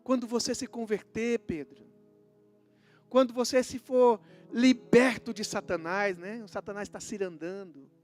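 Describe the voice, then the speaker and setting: A man with a Brazilian Portuguese accent preaching a sermon as pastor, emphatic and swinging between full voice and hushed scripture quotes. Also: sits high, steady tone, measured pace, faint music behind. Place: church.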